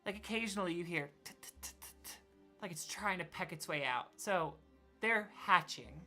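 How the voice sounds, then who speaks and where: Woman GM, low pitch, crisp forward tone, loose and chatty. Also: moderate pace, bright, forceful tone, soft background music. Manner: casual, rambling, many fillers. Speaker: game master. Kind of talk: narrating a tabletop role-playing game.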